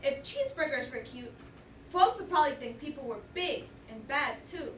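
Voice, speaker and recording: A woman's voice: sits high, sing-song, normal speed. A teenage girl playing an aggrieved, self-justifying wolf in an emphatic school reader's theatre performance. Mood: confiding, aggrieved. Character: Big bad wolf, aggrieved, self-justifying, chatty storybook villain. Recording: echoey room, distant mic, faint noise.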